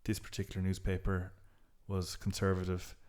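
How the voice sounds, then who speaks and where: A man from south Galway, a historian who is a guest on a podcast, explains his work in a relaxed way and chuckles often. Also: low voice, normal speed. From Ireland, south Galway. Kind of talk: casual podcast interview.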